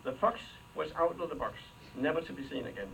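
Older Danish-accented man, after-dinner humorist, wry and dry, a bit high, heard from a distance with noise. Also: expressive, fast, fairly bright tone. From Denmark. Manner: dry, wry storytelling with comic asides. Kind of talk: humorous luncheon speech. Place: hall with a live audience. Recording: distant mic, clear background noise.

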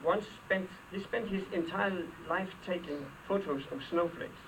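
An older man from Denmark, Danish-accented, gives a humorous luncheon speech as an after-dinner speaker, his voice a bit high and his pace measured. His storytelling is dry and wry, with comic asides. He's heard through a distant mic in a hall with a live audience, with background noise clearly present.

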